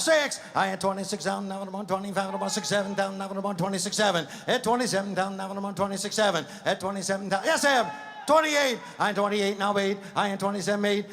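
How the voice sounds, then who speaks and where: A man working as a livestock auctioneer, rattling off bids in a rhythmic chant and breaking into loud calls. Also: high-pitched. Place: fairground show ring with a crowd.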